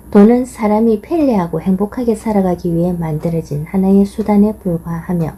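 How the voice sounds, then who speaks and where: Woman narrating a nonfiction audiobook, very dark mellow tone, bit breathy, steady pace throughout. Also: fairly low pitch, rough recording. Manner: measured, steady reading. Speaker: audiobook reader. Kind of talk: scripted narration of a nonfiction book.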